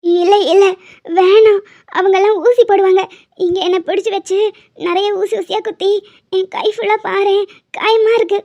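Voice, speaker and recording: A woman's voice: very high-pitched, fairly even intonation, moderate pace, warm tone. A woman voicing a terrified young female patient in a cartoon drama, pleading and childlike. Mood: scared childlike. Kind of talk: cartoon voice acting. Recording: dull lo-fi sound.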